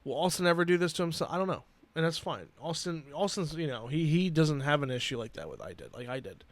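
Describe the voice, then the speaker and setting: Earnest young man, halting and emotional. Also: on the high side, lively intonation, dry recording. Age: 20s. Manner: earnest, halting, with many restarts and "you know". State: emotional, near tears. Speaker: podcast host. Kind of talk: personal solo podcast talk.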